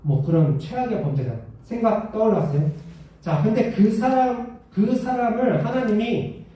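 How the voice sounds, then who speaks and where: A man preaches to teenagers in a relaxed, chatty way and keeps asking them questions. His voice sits fairly high but sounds very dark and mellow. It comes from a distance in a big, strongly echoing hall. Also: normal speed. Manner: conversational, asks the audience questions. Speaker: youth pastor. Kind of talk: sermon to teenagers. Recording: echoey hall, mic far off.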